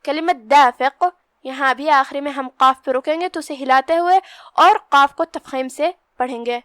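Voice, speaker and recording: High-voiced woman teaching Quran recitation. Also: a bit bright, dry recording, studio quality. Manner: slow measured recitation between plain explanations. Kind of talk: tajweed lesson.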